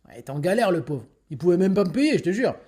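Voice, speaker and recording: A man doing a fast-talking cartoon braggart. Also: high-pitched, big pitch swings, warm tone. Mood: boastful. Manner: fast, cocky bragging with slang. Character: boastful young male fake tycoon, absurd bragger.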